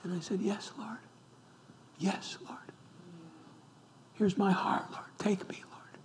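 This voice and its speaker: A middle-aged man from upstate New York, pastor of a church, delivers a fervent sermon slowly, his high voice keeping a fairly even intonation. He repeats words for emphasis and occasionally drops to a whisper.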